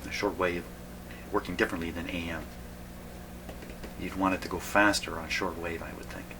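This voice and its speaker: In an indoor radio workshop, a vintage radio repair hobbyist and video host muses aloud in brief fragments while casually demonstrating his work by hand. His low-pitched voice moves little in pitch and keeps a normal speed, with loud background hum and radio noise throughout.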